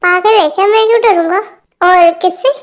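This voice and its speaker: A woman's voice: very high voice, normal speed. A woman voicing a young man, a curt and dismissive older brother, in an amateur fan dub. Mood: gruff. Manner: curt and dismissive, trades insults.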